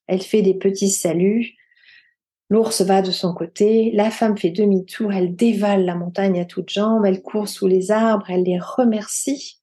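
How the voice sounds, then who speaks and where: A woman retells an old folk tale for a podcast, her voice mellow and warm at a middle pitch. She tells it gently and without hurry, with small pauses and hesitations here and there. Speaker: podcast storyteller.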